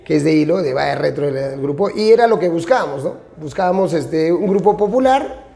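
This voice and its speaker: A man's voice: a little high, lively intonation, brisk, gravelly, warm tone. A man in his forties with a Peruvian accent, a band vocalist and songwriter talking frankly and animatedly in an interview, often ending with tag questions. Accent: Peruvian Spanish. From Peru. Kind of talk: casual interview talk. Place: small restaurant with brick walls.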